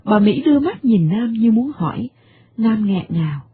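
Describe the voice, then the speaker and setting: A woman's voice: on the high side, normal speed, husky, dry recording. A woman narrating a radio drama expressively, over a tinny medium-wave broadcast. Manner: expressive storytelling.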